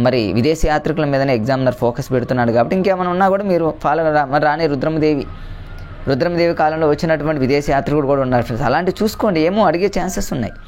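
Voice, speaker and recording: A man's voice: fairly high pitch, a little mellow. A man teaching an exam-prep lesson full of memory tricks, chatty and often calling his viewers friends.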